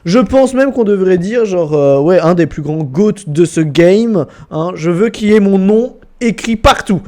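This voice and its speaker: High-voiced jokey gamer guy. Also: unhurried. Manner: energetic, jokey, swears a lot; mock English phrases with a French accent. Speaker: gaming YouTuber. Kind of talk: casual gameplay commentary. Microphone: desk microphone.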